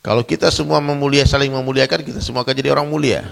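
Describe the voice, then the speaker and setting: A man preaching a sermon in a mosque, animated, often clearing his throat and addressing listeners directly. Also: mid-range voice, racing, big-room sound. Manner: animated, addresses listeners as Pak, acts out quoted voices. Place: mosque hall.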